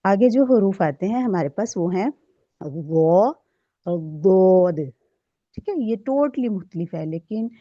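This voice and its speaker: Woman teacher going over letter sounds slow and careful, dull lo-fi sound, dry. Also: lowish voice, dark tone, dry recording. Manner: demonstrates letter sounds slowly, often checks understanding. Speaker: Quran recitation teacher. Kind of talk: recorded tajweed lesson.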